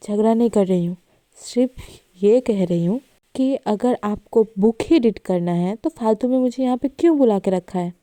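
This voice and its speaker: A gentle, timid young woman who speaks softly and tries to placate, played by a woman narrator. Her tone is dark and mellow and her pace slow. The sound is dry and close. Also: a little high, no echo, close to an everyday voice. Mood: flustered. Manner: soft and placating, sometimes flustered.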